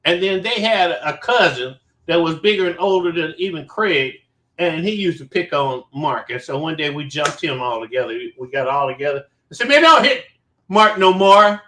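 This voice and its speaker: A man's voice: on the high side, moderate pace, fairly bright tone. A man telling a story about his childhood in a casual way. He talks bluntly, swears a lot and rambles. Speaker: show host. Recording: roomy echo.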